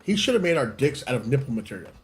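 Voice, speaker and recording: A man's voice: mid-range voice, racing. A man co-hosting a podcast, talking in crude, boastful, casual banter. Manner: profane, boastful, animated. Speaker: podcast co-host. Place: studio room with a couch.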